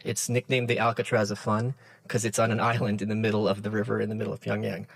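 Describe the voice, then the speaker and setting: A man's voice: fairly low pitch, fast, vocal fry. A man from the Soviet Union, a guest on a podcast, talking in an easy conversational way. He tells stories with energy and slips into the voices of the people he quotes. The studio microphone gives a close, dry sound with no room echo. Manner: animated storyteller who acts out quoted dialogue.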